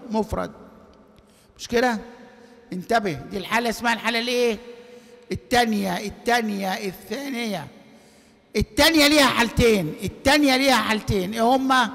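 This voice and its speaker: A man's voice: very high voice, creaky, fairly bright tone. A man teaching grammar in an Egyptian accent, quizzing his class and leaving sentences open for students to finish. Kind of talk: classroom lecture. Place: large mosque hall. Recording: reverberant hall.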